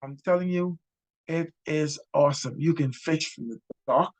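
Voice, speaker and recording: A man's voice: on the high side, moderate pace, low-quality recording. An older Bahamian man hosting a casual travel talk to camera, enthusiastic and repeating himself as he goes. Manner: chatty and enthusiastic, repeats words. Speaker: host. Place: indoors with a virtual city backdrop. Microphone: webcam framing, head and shoulders.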